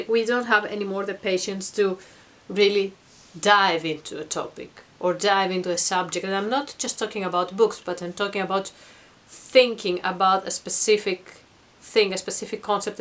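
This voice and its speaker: A middle-aged woman speaks at a medium pitch in an informal vlog style. She explains things earnestly and reflectively, as if thinking aloud to her viewers. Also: steady tone, normal speed, few pauses, a bit bright. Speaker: vlogger. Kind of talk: informal explanatory talk to camera. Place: attic at home.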